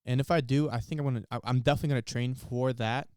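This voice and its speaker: A man's voice: mid-range voice, fairly even intonation, very fast, a little mellow, smooth, no echo, clean studio sound. A man in his early twenties co-hosting a podcast, talking in an earnest, motivational way. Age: 20s. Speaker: podcast co-host. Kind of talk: casual chat.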